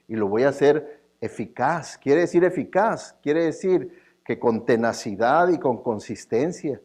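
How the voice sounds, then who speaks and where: A man's voice: a little high, darkish tone. A man preaching a sermon in a conversational way, with joking asides, often checking in with the congregation. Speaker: pastor.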